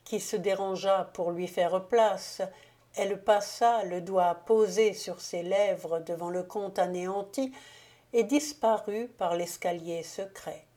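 A woman narrating a classic novel as a volunteer audiobook reader, in a measured, even reading. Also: mid-range voice.

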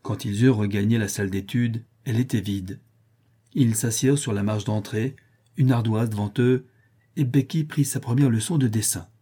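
A man reading a novel aloud in a measured, steady audiobook narration. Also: on the low side, husky.

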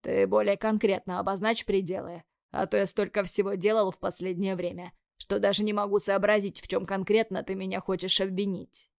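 A woman's voice: mid-range voice, level tone, brisk, gravelly, hardly any pauses, darkish tone, no room sound, close to an everyday voice. Cocky young guy, smug but tender, takes his time, as a woman reads him, dry sound. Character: young man, cocky affectionate fiancé.

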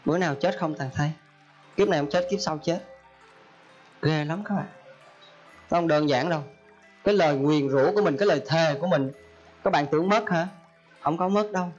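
A man's voice: fairly high pitch, a little fast, pauses often, highs cut off, faint music behind. A male Buddhist monk giving a folksy sermon, often acting out the people he quotes. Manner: folksy, acts out quoted speech. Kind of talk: Dharma talk sermon.

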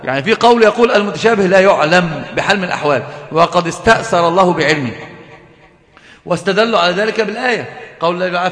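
A high-voiced man teaches a classical religious text at a brisk pace. He is emphatic and keeps asking his listeners rhetorical questions. The sound is roomy, with a long hall reverb. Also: a bit bright. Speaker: Islamic scholar teaching a text. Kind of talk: religious lecture. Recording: echoey hall.

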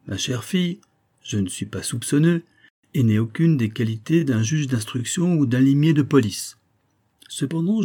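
A man's voice: medium pitch, mellow, lightly acted. A man voicing a frank, fatherly older baron who speaks earnestly and cordially.

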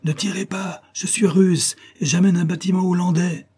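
A storybook's impetuous young navy lieutenant, high-pitched and keyed up, as a male narrator puts him on. He calls out with an excited, eager lift in a mellow, husky voice. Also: fairly quick, natural voice. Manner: excited, calling out.

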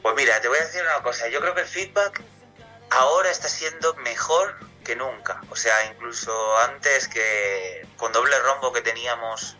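A man's voice: mid-range voice, moderate pace, pushed and bright, soft background music, rough recording. A man from Castilla-La Mancha, a singer being interviewed on radio, answering at length in a casual, rambling way with many restarts. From Castilla-La Mancha, Spain.

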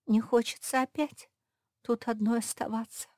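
A woman's voice: a little high, fairly even intonation, moderate pace, a little mellow, no room sound, studio quality, voice pushed up, natural voice. A woman voicing the smallest pug, a timid and self-doubting girl, speaking in a plaintive, timid way.

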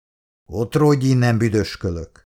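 A man reading a story aloud and voicing a drunk, bullying middle-aged father who shouts gruffly and slurs his slow words. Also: mid-range voice, animated, lightly acted. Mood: shouting.

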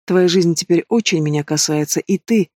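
A man voicing a domineering, possessive mobster in an audiobook, speaking low and mocking. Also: normal speed, mellow, no room sound, studio quality, natural voice. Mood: menacing.

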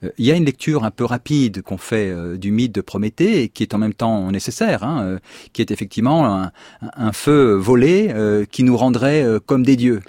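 A man speaking as a philosopher guest on a radio show, halting and restarting while he searches for words. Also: medium pitch, lively intonation, mellow, dry recording, studio quality. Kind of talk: radio discussion.

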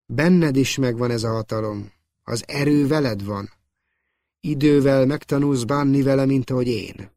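A man voicing a young Jedi knight, speaking in an earnest, gentle way in an audiobook reading. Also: medium pitch, gravelly, dry recording, studio quality, close to an everyday voice.

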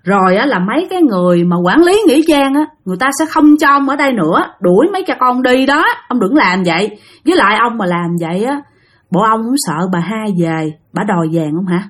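A woman's voice: a little high, lively intonation, brisk. A woman voicing scolding worried villagers. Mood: pleading scolding. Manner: pleading, scolding.

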